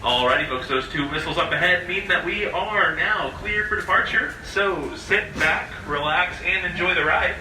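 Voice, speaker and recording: A man as train conductor giving a folksy, cheerful safety announcement over the train loudspeaker. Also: sits high, normal speed, hardly any pauses, recorded from a distance. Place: open-air train carriage. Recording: echoey loudspeaker heard from afar with rail noise.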